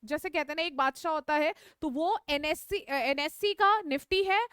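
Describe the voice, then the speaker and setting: A woman teacher leads a live online class, switching between explanation and quick questions to her students. Her voice is very high and bright. The sound is dry and close. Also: no room sound. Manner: repeats key points, checks in with students; mixes English phrases into Hindi.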